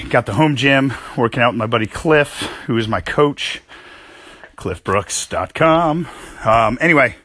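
Man, forties, out of breath, heavy breathing, upbeat casual host, tense bright tone, dry sound. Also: mid-range voice, dry recording. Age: 40s. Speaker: podcast host. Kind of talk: casual motivational talk. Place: home gym.

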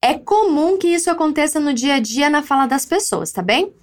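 Lively, high-voiced woman teaching Spanish. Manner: lively, encouraging, models phrases slowly for repetition. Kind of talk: language lesson with drills.

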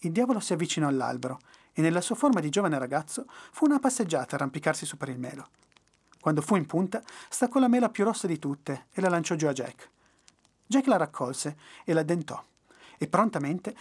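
A podcast storyteller reading a folk tale aloud in an expressive, animated way. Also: mid-range voice, a little fast, slightly rough. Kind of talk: storybook narration.

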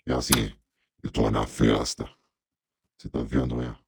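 A man's voice: flat delivery, a little slow, a little mellow, dry recording, studio quality. A man speaking through a voice changer, a joking, laid-back podcast guest chatting casually. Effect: voice changer, distorted very deep and gravelly. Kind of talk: casual chat.

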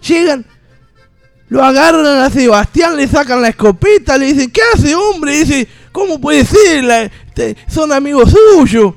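A man playing a rambling rustic countryman, telling a story loudly on radio. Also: extremely high pitch, animated, unhurried, gravelly, dry recording, faint music behind, full character voice. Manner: shouting, rambling, constant "¿viste?". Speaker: comedy guest. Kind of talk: comic storytelling in character on radio. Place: radio studio.

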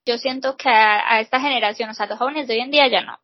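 Woman chatting on a podcast, kinda husky, lo-fi recording. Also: fairly high pitch, fast. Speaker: podcast co-host. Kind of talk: casual chat.

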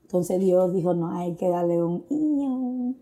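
Speaking a little slowly in a warm, lowish voice, the woman sounds expressive. She is a guest recounting her faith testimony, blending English phrases into her Spanish in an earnest, reflective way with many fillers.

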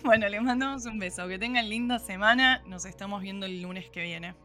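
A woman's voice: mid-range voice, brisk, sharp tone, soft background music. A tired young woman with an Argentine accent, co-hosting a casual podcast in a chatty, rambling way full of fillers. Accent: Argentine Spanish. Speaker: podcast co-host.

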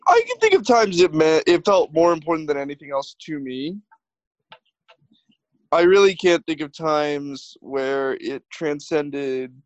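Male podcast host, slightly high voice, wry teasing delivery, dry close mic. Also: big pitch swings, unhurried, no echo, highs cut off. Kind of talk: casual chat.

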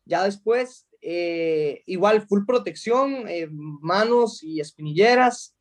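Costa rican fighter guy, 30s, high voice, keeps restarting his sentences. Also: expressive, takes it slowly. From Costa Rica. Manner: hesitant, many restarts and fillers. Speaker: mixed martial arts fighter. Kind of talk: interview answers.

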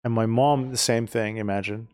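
A middle-aged Iranian man whose first language is Persian chats casually as a podcast guest, often repeating words while he searches for phrasing. His voice is on the low side, with fairly even intonation, a moderate pace and a darkish, clean tone.

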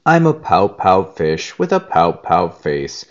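A man voicing a glum, forever-pouting male fish in a children's storybook, with a slow, drooping sing-song refrain. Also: deep voice, sing-song, highs cut off, voice pushed down, full character voice. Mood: gloomy.

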